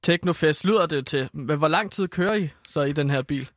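A man interviewing in a straight-faced comic way, calmly repeating answers and asking probing questions. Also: fairly high pitch, dry recording, clean studio sound.

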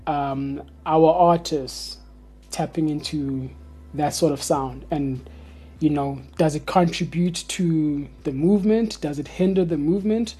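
A man's voice: a little high, unhurried, mellow, husky. A man with a South African accent hosting a casual podcast, using slang and feeling his way through phrases. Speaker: podcast host.

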